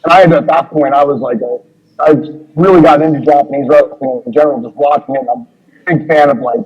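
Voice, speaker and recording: A man's voice: a little high, steady tone, fast talker, a little mellow, husky, lo-fi sound. A man, a guest wrestler in a casual interview, rambling through a road story with many fillers and acted-out dialogue.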